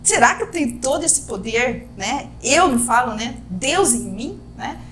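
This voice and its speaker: A Brazilian woman co-hosting a casual podcast, telling a personal story with lively acted-out quotes. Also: high voice, measured pace. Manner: animated storytelling, acting out quoted speech.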